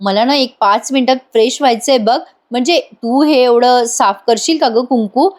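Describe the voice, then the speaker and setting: A woman voicing a calm, sweet young bride who speaks in a gentle, soothing way. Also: on the high side, normal speed, natural voice. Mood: friendly. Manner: soothing, reassuring.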